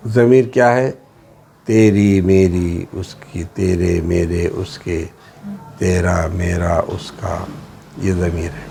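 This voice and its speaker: A man with a Hyderabadi Urdu accent teaching a classroom lesson, repeating each word and its meaning in a steady drill with English words mixed in. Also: sits low, creaky, music in the background. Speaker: Arabic teacher.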